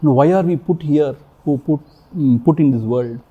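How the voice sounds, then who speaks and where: A man's voice: a little high, normal speed, breathy edge, narrow, tinny audio. A man giving a spiritual discourse, emphatic and repetitive, with many rhetorical questions. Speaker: spiritual teacher. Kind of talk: spiritual discourse to a retreat audience. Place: retreat hall before an audience.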